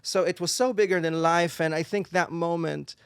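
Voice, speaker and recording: A man's voice: on the high side, steady tone, moderate pace, clean tone, dry recording, clean studio sound. A young man from Israel with an Israeli accent, a native Hebrew speaker, chatting as a podcast guest and stopping often to search for English words. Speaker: guest, singer and performer. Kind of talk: casual interview chat.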